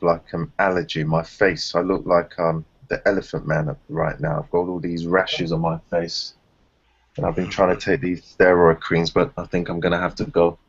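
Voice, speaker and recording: Husky low man on a call. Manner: animated storytelling, blunt and profane. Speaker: round table regular. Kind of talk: casual group chat on a video call. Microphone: video call. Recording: lo-fi video call audio.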